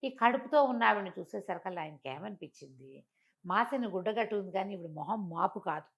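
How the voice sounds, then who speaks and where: Speaking fairly quickly in a gravelly, medium-pitched voice with lively intonation, this woman narrates a folk tale with a moral. Her style is chatty and explanatory: she repeats phrases to stress them and slips into characters' lines in passing.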